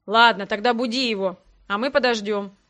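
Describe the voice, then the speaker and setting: A woman voicing a brisk, cheerful young man who talks in a breezy, reassuring way in an audiobook. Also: fairly high pitch, a bit bright, natural voice. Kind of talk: audiobook character voice.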